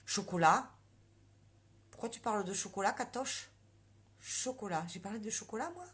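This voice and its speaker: A woman's voice: mid-range voice, normal speed. A woman with a southwestern French accent, chatting casually on a makeup live stream and answering viewer comments. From Lot, southwestern France.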